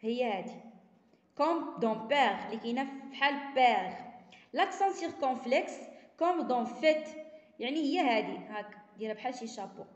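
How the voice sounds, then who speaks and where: A Moroccan woman teaching a primary-school French lesson. She reads French slowly and explains it in Moroccan Arabic. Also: fairly high pitch, expressive, roomy sound, big-room sound, highs cut off. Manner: reads French sentences slowly, then explains them quickly in Darija.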